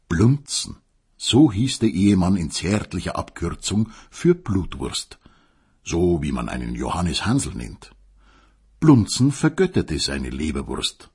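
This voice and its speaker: A man's voice: low-pitched, a little mellow, husky. A man reading a humorous tale in an ironic, dramatic way. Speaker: storyteller.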